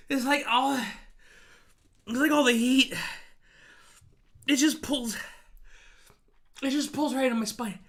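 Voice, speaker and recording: A woman hosts a casual livestream while her mouth burns from spicy food. Her voice is bright and tense, and she talks slowly in a halting, pained way. She groans and repeats her phrases. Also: fairly high pitch. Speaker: host of a live spicy food challenge.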